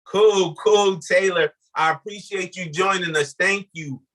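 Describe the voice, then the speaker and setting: A man's voice: high-pitched, a little slow, a bit bright. A man hosting an interview show, asking questions in an upbeat, folksy way. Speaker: podcast host.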